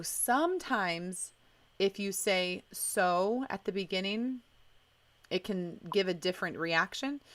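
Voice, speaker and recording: A woman teaching a live online English lesson, speaking slowly and encouragingly and mixing in Portuguese phrases as she explains. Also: fairly low pitch, a bit bright, no echo. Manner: encouraging, reads student questions aloud. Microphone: live stream mic.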